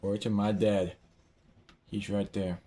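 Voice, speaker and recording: A young man giving excitable live commentary while playing a game, swinging from hushed mumbling to yelling. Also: fairly low pitch, takes it slowly. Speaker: gamer.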